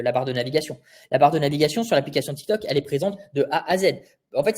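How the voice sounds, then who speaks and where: A man's voice: on the high side, a little mellow. Chatty French design tutor, man. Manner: chatty, asks rhetorical questions. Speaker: design instructor. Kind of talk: live screen-share tutorial.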